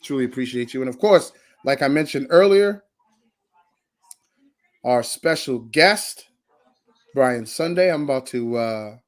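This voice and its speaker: On a relaxed basketball podcast, an upbeat male co-host welcomes a guest, thanks listeners again and again, and cuts across his co-host. His mid-range voice has lively intonation, though he speaks a little slowly with long pauses.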